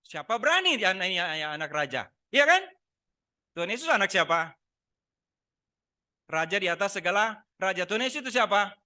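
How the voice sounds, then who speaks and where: A male pastor with a high, very bright and sharp voice delivers a conversational sermon. He keeps asking the congregation questions and teasing them. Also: very animated, normal speed, long pauses. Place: church service.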